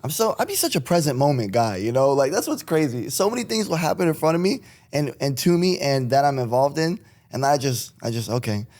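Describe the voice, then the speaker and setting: A man's voice: medium pitch, sing-song, fairly quick, few pauses, a little mellow. Young guy from connecticut on a podcast, easygoing, rambles, laughs a lot, medium voice. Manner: laid-back, rambling, laughs often. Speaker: podcast guest, rapper. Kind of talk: casual chat.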